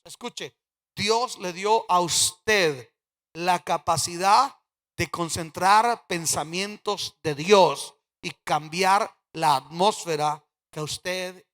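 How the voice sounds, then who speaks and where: A man preaching a sermon as pastor, swinging from loud emphatic declarations to quiet, low asides. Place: church sanctuary. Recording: church hall with long reverb.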